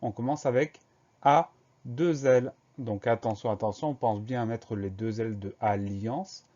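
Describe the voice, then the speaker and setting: Patient teacher spelling words aloud. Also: male voice, mid-range voice, mellow, muffled recording. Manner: slow, careful letter-by-letter dictation. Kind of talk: spelling lesson for young pupils.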